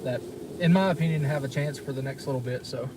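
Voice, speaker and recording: A man's voice: mid-range voice, fast. A man storm chasing in a moving vehicle, chatting casually and bluntly on a live stream. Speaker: storm chaser. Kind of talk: casual live chase chat. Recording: very loud vehicle noise.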